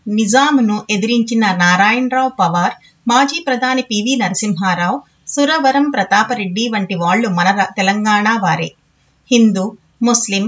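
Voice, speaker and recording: A woman with a Telangana Telugu accent teaching a grammar lesson to young children, slowly and patiently, often repeating words. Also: mid-range voice, fairly bright tone. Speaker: primary school Telugu teacher. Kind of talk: classroom lesson explanation. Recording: slightly dull lo-fi audio.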